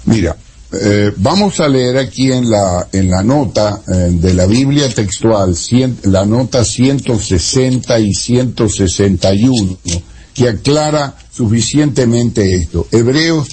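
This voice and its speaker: A man in conversation as a theologian, explaining the wording of Bible passages in a deliberate, explanatory way. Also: lowish voice, darkish tone, slight background noise. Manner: deliberate, explanatory, with hesitant restarts. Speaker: theologian guest.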